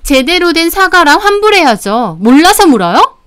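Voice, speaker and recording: A woman voicing a furious, entitled young woman customer who shrieks sharp accusations down the phone. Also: very high-pitched, sing-song, moderate pace, pitched above the performer's own voice, heavily acted. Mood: shrill, furious.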